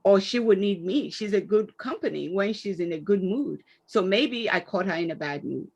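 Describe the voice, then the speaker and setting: A woman speaking on an online panel, answering a question in an animated storytelling way and acting out quoted exchanges. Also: mid-range voice, moderate pace, vocal fry, slightly rough.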